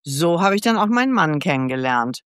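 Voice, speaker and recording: Her voice is low and smooth with big swings in pitch, and she speaks fairly quickly, recorded dry in a clean studio. A roughly seventy-year-old American woman, she's a podcast guest candidly narrating her life in a casual interview and re-enacting conversations from her past.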